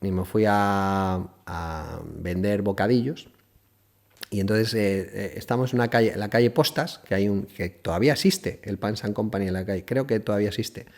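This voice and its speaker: A man's voice: on the low side, moderate pace, creaky. A middle-aged man from Spain, telling casual stories and acting out dialogue as a podcast guest. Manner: lively anecdotes, acts out dialogue, laughs often. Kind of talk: casual storytelling.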